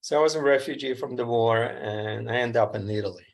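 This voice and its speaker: A middle-aged Ukrainian entrepreneur appears as a guest and tells his story in a casual interview, speaking plainspoken, slightly broken English with a Ukrainian accent. His mid-range voice is creaky and his delivery brisk.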